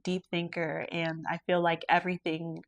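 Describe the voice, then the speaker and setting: A woman's voice: fairly low pitch, monotone, normal speed. A woman hosting her own podcast as a lash artist, talking in an earnest, introspective, faith-centered way. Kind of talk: reflective solo podcast talk.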